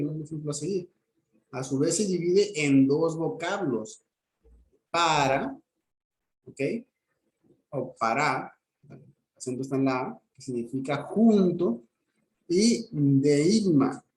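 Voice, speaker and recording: A man's voice: a little high, a little mellow, reverberant. A man, lecturing a class and checking in with "¿ok?" as he explains step by step. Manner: explanatory, frequent "¿ok?" check-ins and restarts. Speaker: teacher.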